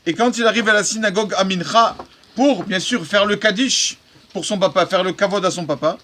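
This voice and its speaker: A man, a rabbi, telling a religious story to his congregation in a halting way, often repeating and restarting words and mixing in Hebrew terms. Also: sits high, pushed and bright, slight background noise. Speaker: rabbi giving a daily talk.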